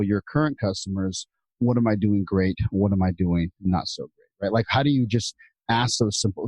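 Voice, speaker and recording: A man's voice: lowish voice, a little mellow, breathy edge, dry recording, low-quality recording. A man hosting an interview podcast, talking in an affirming, conversational way. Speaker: podcast host. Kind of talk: casual interview talk.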